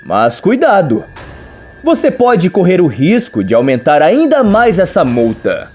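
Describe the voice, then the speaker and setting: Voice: medium pitch, huge pitch swings, a little slow, a little mellow, soft background music. A narrator reading a smug scheming male boss who mocks and bargains. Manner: mocking, smug.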